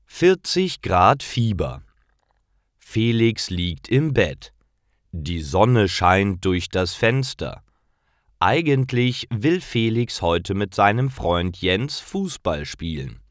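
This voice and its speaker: A man reading a scripted story slowly and deliberately for language learners, each word clearly pronounced. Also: fairly low pitch, sing-song, no echo, studio quality. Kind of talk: slow scripted narration for learners.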